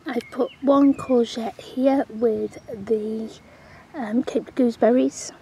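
Touring her sunny allotment garden, a woman narrates a casual gardening vlog from off screen, filming on a handheld camera. Her voice is fairly high with a dark tone and fairly even intonation; she speaks slowly, rambling with lots of ums, over slight background noise.

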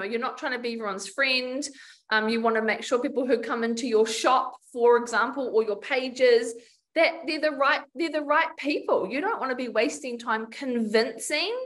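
Joining a podcast interview by video call webcam from a home room with a door and a painting, a New Zealand business coach in her forties talks in a slightly high, fairly bright voice. She is chatty and frank, restarting her sentences often.

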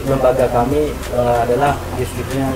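A man's voice: mid-range voice, level tone, brisk, over a noisy crowd. A man who heads a regional charity branch, speaking earnestly and formally in a village house. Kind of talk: formal appeal and discussion. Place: indoors in a small village house. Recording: loud music under the voice.

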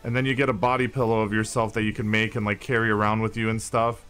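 Male streamer, low voice, chatty tour guide, light music behind. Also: little pitch movement, quick pace, fairly bright tone, smooth. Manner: chatty, swears casually, gives guided tour. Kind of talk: casual stream chat.

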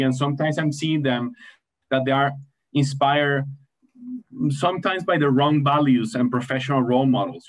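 Audio from a video call webcam captures a medium-pitched man, badly recorded, as he stumbles through introducing panel moderators. He repeats phrases and keeps reaching for fillers such as "you see" and "I mean, like."

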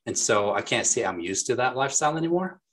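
A man from Lebanon in his forties, a business owner, talking casually and warmly as a guest on a video call, with plenty of fillers and restarts. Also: mid-range voice, expressive, fast talker, husky. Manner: friendly, talkative, frequent fillers and restarts. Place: small dark home studio. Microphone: desk microphone on a boom.

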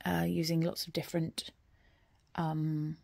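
A woman in her forties giving a casual, rambling progress update on her stitching at home, often trailing off into quiet murmurs as she counts. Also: low-pitched, monotone, a little slow, creaky, dry recording. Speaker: cross-stitch vlogger.

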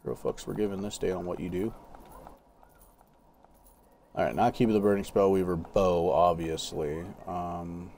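A man's voice: low-pitched, steady tone, moderate pace, creaky, long pauses, mellow, a little hiss or hum. A man casually narrating his gameplay as a streamer, rambling and swearing freely while sorting through his gear. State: has the hiccups. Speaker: gaming streamer.

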